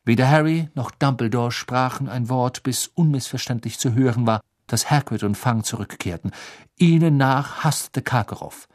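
A man narrating an audiobook in steady, even storytelling. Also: medium pitch, moderate pace. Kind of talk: scripted narration.

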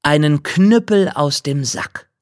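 A man's voice: a little high, takes it slowly, no room sound, studio quality. A man voicing a proud, bold young male turner journeyman in a fairy tale. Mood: eager. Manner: bright, eager and boastful.

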